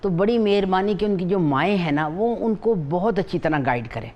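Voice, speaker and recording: A woman's voice: fairly low pitch, lively intonation, moderate pace, muffled recording. An older woman with a Pakistani Urdu accent giving family advice as a guest on a TV morning show, in an earnest, motherly way. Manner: earnest, motherly, repeats herself.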